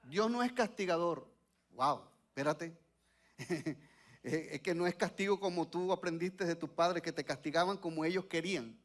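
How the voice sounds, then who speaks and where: Male pastor, high voice, sermon in church, asks the congregation questions. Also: moderate pace. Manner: asks the congregation questions and lets them answer.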